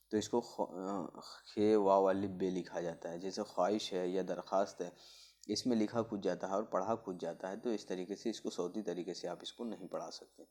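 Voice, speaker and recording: A man giving an exam-prep lecture on teaching methods, explaining slowly with many fillers and spelling out letter sounds. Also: sits low, darkish tone. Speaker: Urdu pedagogy teacher.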